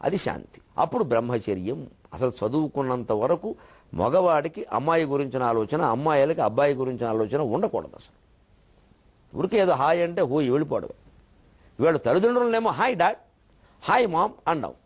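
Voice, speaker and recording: A man's voice: medium pitch, big pitch swings, a little fast. A man giving a devotional discourse, preaching emphatically with wordplay and rhetorical questions. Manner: emphatic, acts out quoted voices. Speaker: spiritual speaker.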